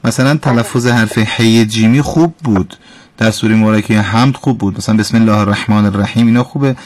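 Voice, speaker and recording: A man's voice: fairly low pitch, steady tone, a little mellow. A man hosting a call-in radio program, patiently and politely correcting callers' recitation and pronunciation. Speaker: radio host teaching Quran recitation.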